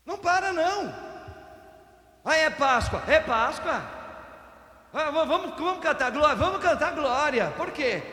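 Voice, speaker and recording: High, animated Brazilian priest in echoey church. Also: male voice, measured pace, long pauses. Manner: lively, folksy storytelling with everyday examples. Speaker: parish priest. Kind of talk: Easter homily. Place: parish church. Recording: echoey church with long reverb.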